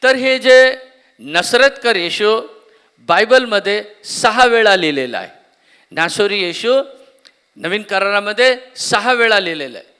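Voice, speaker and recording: A man's voice: high voice, sharp tone, smooth. A man preaching a sermon at a church conference, often asking the congregation questions and repeating key words. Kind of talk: Marathi sermon.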